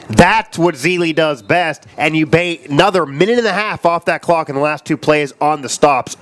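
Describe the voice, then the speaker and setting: A man's voice: a little high, fairly bright tone. A man giving rambling, opinionated color commentary on a football game. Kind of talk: sports commentary.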